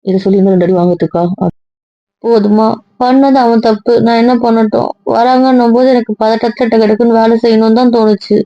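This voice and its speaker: A woman's voice: on the high side, fairly even intonation, a little fast, mellow, no echo, natural voice. A woman playing a hurt, defensive young wife. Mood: upset. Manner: upset, protesting, explaining at length. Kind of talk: amateur audio drama. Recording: dry, dull lo-fi audio.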